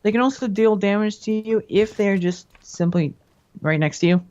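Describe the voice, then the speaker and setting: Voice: medium pitch, normal speed, darkish tone. A guest mod author methodically explaining game mechanics, often restarting sentences. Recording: dull lo-fi mic.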